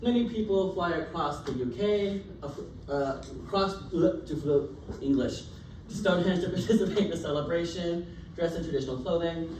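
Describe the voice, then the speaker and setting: Speaking at a normal speed in a slightly high, slightly mellow voice, a young man presents casually to his class. He chats along with many fillers and relaxed laughter. The sound is distant and roomy, taken by a far-off device in a noisy classroom.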